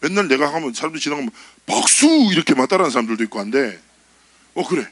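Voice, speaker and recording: A man preaching a youth sermon at church, animated and joking as he acts out funny stories. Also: medium pitch, rapid-fire, dry recording. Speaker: youth pastor.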